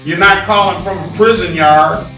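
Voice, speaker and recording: Stern judge on an echoey courtroom recording. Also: male voice, high voice, normal speed, bright, forceful tone, recorded from a distance. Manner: stern, firm, interrupts to keep control. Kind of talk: courtroom proceedings. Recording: echoey courtroom from afar, faint music.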